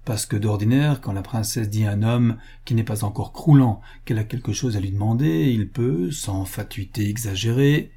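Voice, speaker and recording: A man reading the part of a wry middle-aged uncle telling a gossipy story, in a low, husky voice. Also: moderate pace, hardly any pauses, dark tone. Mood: amused.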